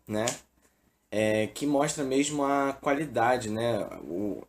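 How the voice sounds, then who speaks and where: A man with a Brazilian Portuguese accent giving an informal literature lesson, filling his sentences with tag questions and hesitations. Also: mid-range voice. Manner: casual, fills with "né" and "é". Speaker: teacher.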